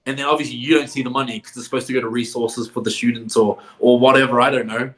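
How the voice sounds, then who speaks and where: A man's voice: medium pitch, steady tone, fast talker, a bit bright. Swearing New man telling stories. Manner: swears a lot, laughs often, filler-heavy "like". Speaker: professional wrestler, podcast guest. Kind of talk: casual storytelling.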